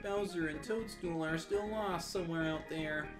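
A woman plays an old frog sage in a video game, a patient wise mentor. The delivery is measured and formal, often turning statements into gentle questions. Plucked-string music plays clearly behind the voice. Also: sits low, close to an everyday voice. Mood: grave, kindly. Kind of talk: dramatised video game dialogue reading.

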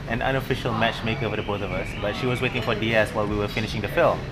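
A man's voice: on the low side, fairly even intonation, very fast, a loud crowd, poor audio. A man in his thirties who works as a filmmaker and lecturer, telling a story in a casual interview with a dry, wry humor. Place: indoor cafe on a sofa.

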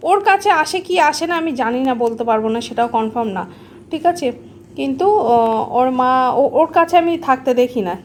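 A woman's voice: high voice, animated, brisk, slight background noise. A woman chatting casually at home while filming her pets on a phone, often checking in with the viewer. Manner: coos softly to the pets. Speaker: pet vlogger. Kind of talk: casual home vlog chat. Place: home indoors.

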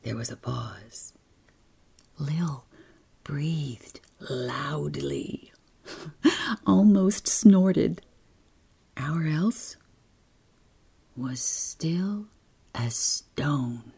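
A woman narrating a bedtime story in a soft, hushed, half-whispered reading. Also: low voice, drawn-out words, creaky, long pauses, breathy edge.

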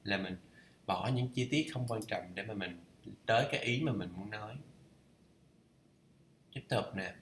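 A Vietnamese man talking through English idioms in a casual study vlog. He thinks aloud and reads English phrases slowly to check how they are pronounced. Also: on the low side, echoey room, a little hiss or hum. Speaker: learner reading a course aloud.

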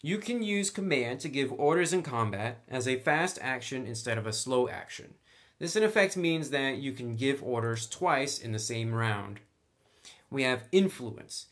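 Explaining a tabletop game one step at a time, this man talks casually and sometimes reads the rules out loud. His voice is medium in pitch, with lively intonation and a measured pace.

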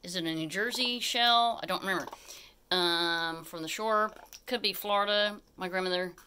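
A woman's voice: on the low side, normal speed, sharp tone, clear, resonant tone. A middle-aged woman giving a casual, chatty live home tour in a small room, often getting sidetracked as she narrates behind a handheld phone. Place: small furnished living room, indoors. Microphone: handheld phone held by the person filming.

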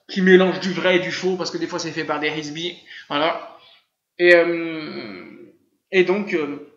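A man with a rather high, bright voice gives an informal religious lesson in a loose, meandering way, repeating himself and filling pauses as he talks. The sound is dull and muffled, with a roomy echo, as if heard through an online voice-chat room. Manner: conversational and rambling, with frequent fillers and repetition. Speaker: religious teacher. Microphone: computer microphone in a voice-chat room.

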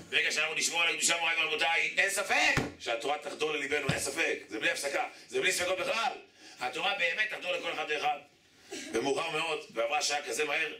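Emphatic man preaching, sharp forceful voice, echoey hall with the mic a little way off, faint hiss. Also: on the high side, recorded from a distance. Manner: emphatic, repeats appeals to the audience, acts out characters in stories. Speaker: rabbi giving a Torah lesson. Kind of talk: sermon with storytelling.

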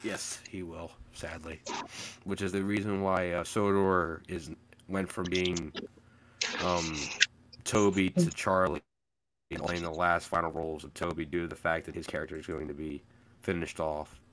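Man with a very low voice, halting livestream host, crowd noise behind. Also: little pitch movement. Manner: halting, emphatic, restarts often. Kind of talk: casual voice chat on a livestream.

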